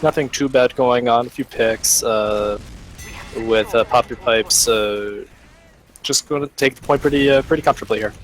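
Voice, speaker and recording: A man giving analytical play-by-play commentary on a live esports match, pausing often on "uh". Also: mid-range voice, poor audio. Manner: analytical, hesitant, many fillers. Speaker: esports caster.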